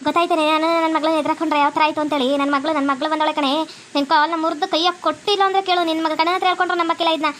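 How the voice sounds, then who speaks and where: A woman's voice: sits high, little pitch movement, rapid-fire, fairly bright tone, a little hiss or hum. A woman voicing a scheming, spiteful old mother-in-law with a North Karnataka Kannada accent, gloating and repeating her words. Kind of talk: cartoon comedy voice acting.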